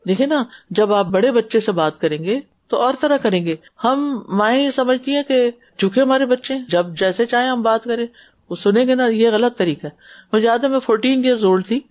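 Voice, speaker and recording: A woman's voice: mid-range voice, darkish tone. A woman religious teacher giving a class and answering questions in an earnest, advising way, mixing in English words.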